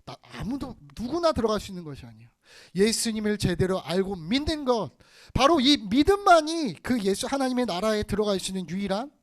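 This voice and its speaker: A woman giving a sermon to children over a video call, often asking her listeners questions. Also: medium pitch. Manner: asks the listeners many questions. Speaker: preacher to children.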